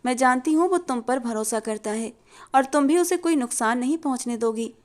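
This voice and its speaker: A woman voicing an aging, wealthy matriarch who speaks in a slow, measured, persuasive way. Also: sits high, a little mellow, close to an everyday voice.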